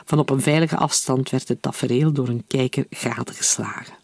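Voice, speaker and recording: A man reading a novel aloud in steady, even-paced audiobook narration. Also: medium pitch, brisk, gravelly, slightly rough, no echo. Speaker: reader.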